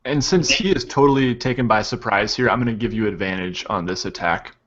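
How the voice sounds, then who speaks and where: A man running a tabletop role-playing game as game master, relaxed and encouraging. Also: fairly low pitch, brisk, lo-fi sound. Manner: relaxed, encouraging, with short affirmations.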